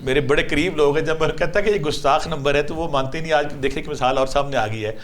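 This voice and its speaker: A man giving spiritual and numerology advice to callers in a lively, storytelling way. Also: a little high, a little hiss or hum. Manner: storytelling, calls callers 'daughter' and 'son', lists recitations. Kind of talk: animated call-in advice.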